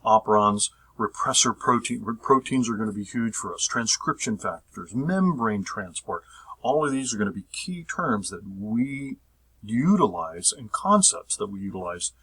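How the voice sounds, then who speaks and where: A man teaching a recorded physiology lecture, repeating phrases, checking that his listeners follow, and drawing out key terms slowly. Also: on the low side, expressive, bright, forceful tone, slightly rough, rough recording. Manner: repetitive, checks understanding with the audience.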